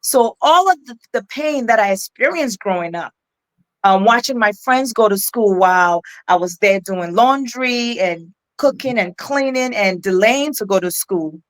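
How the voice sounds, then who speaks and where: A woman's voice: a little high, animated, measured pace. A middle-aged woman from Ghana with a West African accent, telling her life story as an interview guest in an earnest, reflective way with many restarts. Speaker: guest, keynote speaker.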